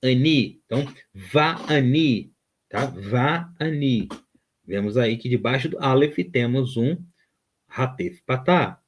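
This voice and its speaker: A man at a medium pitch, speaking very slowly. He explains step by step like a patient teacher, repeating each term and checking in with his listeners. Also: lively intonation. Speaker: Hebrew teacher. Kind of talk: online grammar lesson.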